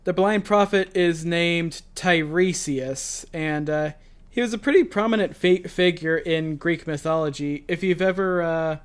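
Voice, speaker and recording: A man's voice: on the high side, a little slow, clear, resonant tone. A man hosting a casual reaction chat, explaining background at length with frequent fillers and restarts. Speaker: reaction show host.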